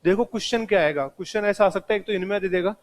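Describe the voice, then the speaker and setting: A man's voice: sits high, rapid-fire. A man teaching a live classroom lecture, speaking straight to his students and mixing in English terms.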